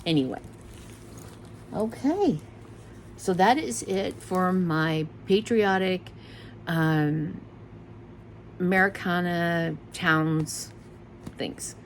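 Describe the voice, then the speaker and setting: A woman's voice: lowish voice, extremely slow, pauses often, a little hiss or hum, poor audio. A middle-aged woman chatting casually and rambling a bit as she shows off her craft kits, often correcting herself mid-sentence. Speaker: cross-stitch vlogger. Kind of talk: casual show-and-tell chat.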